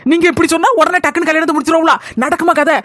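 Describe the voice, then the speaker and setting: A woman with an acting a quick, exasperated, nagging village woman in a comedy skit. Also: extremely high pitch, little pitch movement, a bit bright, no echo, clean studio sound.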